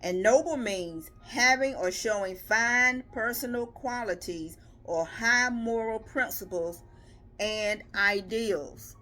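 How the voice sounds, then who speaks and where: A woman's voice: a little high, slow pace, pushed and bright, faint music behind. A woman delivering a devotional video sermon, earnest and emphatic, pressing her listener with repeated rhetorical questions and building rhythmic lists. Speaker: lay preacher.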